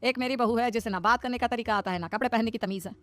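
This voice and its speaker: A woman's voice: a little high, fast talker, soft background music, natural voice. Woman voicing a scolding older mother-in-law. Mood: gossiping. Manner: sharp-tongued, scolding. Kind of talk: animated storybook voice acting.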